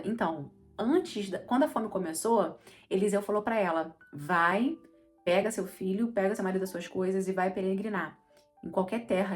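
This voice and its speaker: A woman's voice: lowish voice, darkish tone. Brazilian woman telling Bible stories. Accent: Brazilian Portuguese. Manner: chatty, keeps checking in with listeners. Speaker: Bible teacher. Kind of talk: conversational Bible storytelling lesson.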